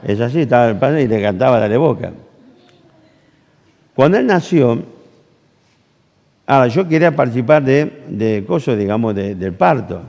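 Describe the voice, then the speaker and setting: Argentine pastor in a reverberant hall. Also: male voice, mid-range voice, moderate pace, vocal fry. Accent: Argentine Rioplatense Spanish. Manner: animated storytelling, acts out dialogue, asks the audience questions. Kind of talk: sermon with personal anecdote. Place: church camp hall.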